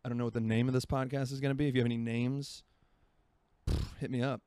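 A man's voice: mid-range voice, little pitch movement, fast, warm tone, clean tone, no echo. A man in his twenties from Florida, hosting a solo podcast in rambling, self-mocking casual chat from his home by a marina. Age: 20s. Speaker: podcast host.

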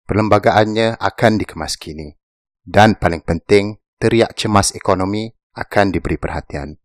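Deep-voiced man reading an essay. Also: dry recording, clean studio sound. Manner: measured, serious essay reading. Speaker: narrator reading an opinion essay. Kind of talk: scripted narration.

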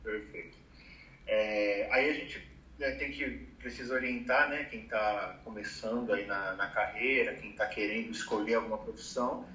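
A man's voice: lowish voice, moderate pace, recorded from a distance, highs cut off, slight background noise. Brazilian man in his thirties, echoey room. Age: 30s. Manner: relaxed, many fillers like "né". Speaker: advertising professional giving career advice. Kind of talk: casual conversation.

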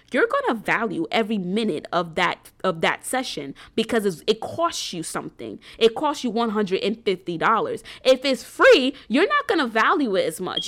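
A woman's voice: mid-range voice, fairly bright tone. A woman hosting a faith and business group, talking casually and earnestly to her viewers, rambling a little with many ums and restarts. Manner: preacherly and earnest.

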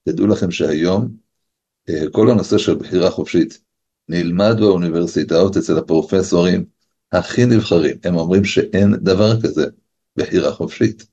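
Over a video call with dull, lo-fi audio, a rabbi teaches a Torah class in a low-pitched, mellow, husky voice. He argues by posing his own questions and then answering them.

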